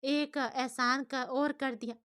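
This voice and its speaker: A cheeky young woman full of bubbly teasing, high-voiced and bright, as a woman storyteller puts her on. Her tone is crisp and clear. It suits a spoken storybook. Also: fairly even intonation, takes it slowly.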